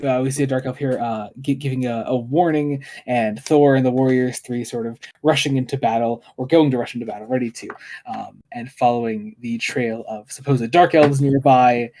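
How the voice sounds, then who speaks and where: A man's voice: mid-range voice, steady tone, normal speed, mellow. A man co-hosting a casual podcast, recapping a comic with many fillers and restarts and frequent laughter. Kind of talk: casual chat.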